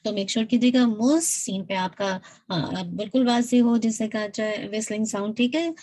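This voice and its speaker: A woman teaching Quran recitation in a patient lesson. She works step by step, keeps checking in, and slowly draws out sounds to model them. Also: on the high side, steady tone, mellow. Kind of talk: instructive lesson.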